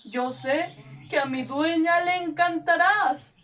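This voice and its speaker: Friendly happy pet boy, peruvian woman doing the voice, explains things patiently, very high, slow, far from mic. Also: fairly bright tone, exaggerated voice. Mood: kind. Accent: Peruvian Spanish. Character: cheerful well-cared-for male pet, kind and helpful. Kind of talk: children's paper puppet show. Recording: voice from a distance off the mic.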